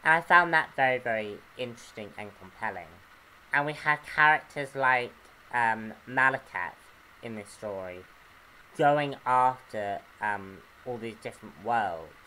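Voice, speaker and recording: A man giving an unscripted comic book review, earnest and hesitant, often pausing to search for words. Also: mid-range voice, expressive, bright, forceful tone, slight background noise, rough recording.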